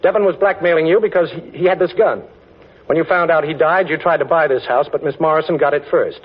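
In this 1940s radio drama, heard on a dull old recording, a man voices a confident, quick-witted amateur detective with a breezy, cool wryness. The pitch runs on the high side and the acting is light.

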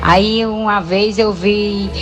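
A woman sending a slow, soft-spoken voice message to a radio show. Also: mid-range voice, fairly even intonation, over music.

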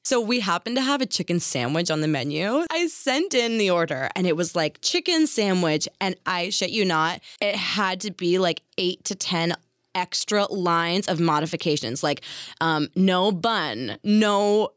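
A young adult woman, a podcast guest, telling a story in a casual, animated way, full of fillers and casual swearing. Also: lowish voice, measured pace, no echo, clean studio sound.

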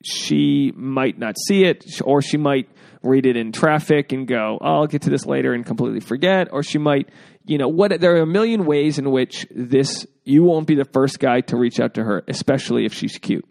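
A man's voice: medium pitch, normal speed, creaky, a little mellow. A man hosting an advice podcast in a casual, rambling way, with jokey asides. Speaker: podcast host. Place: indoors at home.

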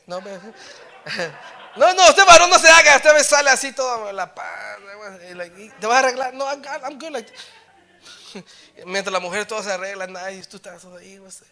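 A middle-aged male preacher giving a sermon, switching between Spanish and English, with joking asides and swells into loud, emphatic exhortation. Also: high-pitched.

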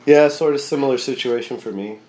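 An American man chatting casually as a podcast guest in a laid-back stoner manner, high and a little tired. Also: brisk, a little mellow, a little hiss or hum. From Michigan, United States. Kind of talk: casual chat.

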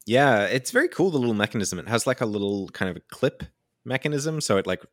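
A man chatting casually on a podcast, explaining things with lots of fillers like "like" and "um," often laughing and picking up energy when excited. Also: lowish voice, fast talker, no echo, studio quality. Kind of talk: casual chat.

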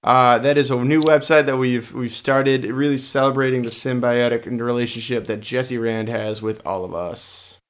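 Male panelist, medium pitch, joking mock-earnest delivery. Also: fairly even intonation, moderate pace, few pauses. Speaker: podcast panelist. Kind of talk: casual chat.

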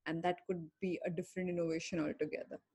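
A woman explains things in a deliberate, reflective way, like a coach in conversation. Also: on the low side, little pitch movement, dark tone, breathy edge. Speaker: coach giving advice.

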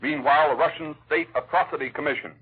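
Husky old-time American radio newscaster. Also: male voice, fairly high pitch, fairly even intonation, fast. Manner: formal, dramatic delivery. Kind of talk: old 1940s radio announcer reading scripted war news. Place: radio newsroom. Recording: muffled vintage 1940s radio broadcast.

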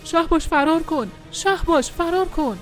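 A woman reading the part of a young male soldier comrade who talks in a soft, earnest, pleading way. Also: very high voice, faint music behind, pitched above the performer's own voice. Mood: urgent.

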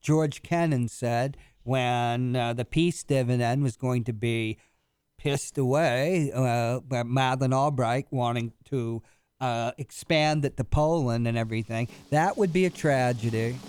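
A man's voice: medium pitch, measured pace, a little mellow, clean tone, no room sound, studio quality. A man on a talk show giving casual, blunt and dismissive political opinions.

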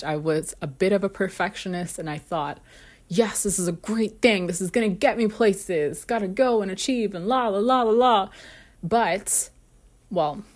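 A woman hosting a motivational self-help podcast, telling personal stories earnestly with frequent light laughs. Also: lowish voice. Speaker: podcast host.

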